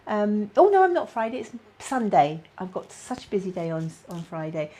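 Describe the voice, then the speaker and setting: A woman's voice: fairly low pitch, animated, moderate pace, darkish tone. Chatty British woman hosting a live stream. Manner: chatty, many fillers, reads out viewer comments. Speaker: spiritual guidance host. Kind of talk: casual live-stream chat.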